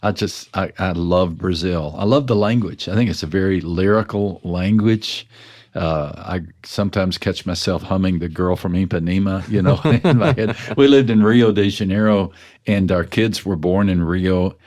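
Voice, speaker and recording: In a relaxed, reflective interview, a pastor and author from West Texas shares his story at a moderate pace. His voice is low and deep, and he is earnest and self-deprecating, restarting sentences as he works out his thoughts.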